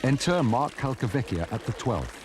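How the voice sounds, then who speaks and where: A man reading scripted golf documentary narration in a measured, dramatic storytelling way. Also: medium pitch, big pitch swings. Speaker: narrator of golf highlights film. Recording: archive soundtrack, crowd and background noise. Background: crowd noise.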